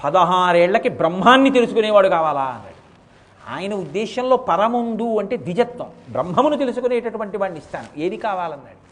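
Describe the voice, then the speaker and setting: Male preacher, high voice, animated storytelling with slow chanted verse. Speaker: religious discourse speaker. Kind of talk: sermon storytelling.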